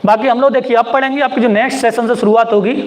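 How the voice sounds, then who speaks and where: A man's voice: extremely high pitch, steady tone, racing. A male teacher giving a geography lecture, asking his class repeated questions and joking about how names get mispronounced.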